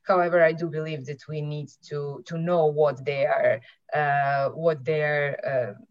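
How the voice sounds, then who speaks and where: Low-voiced Serbian-accented woman on a call. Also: fairly even intonation, measured pace, no room sound, dull audio. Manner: hesitant, many fillers and restarts. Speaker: panelist, marketing entrepreneur. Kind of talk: online panel opening statement.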